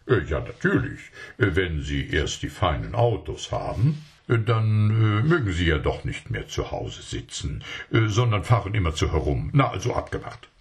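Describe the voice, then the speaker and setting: Ein Mann spricht einen schlauen, überredenden Verkäufer in einer Kindergeschichte, der eifrig um Geschäfte feilscht. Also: male voice, low-pitched, very animated, gravelly, exaggerated voice. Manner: wheedling, fast bargaining talk. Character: smooth-talking male salesman, scheming, persuasive.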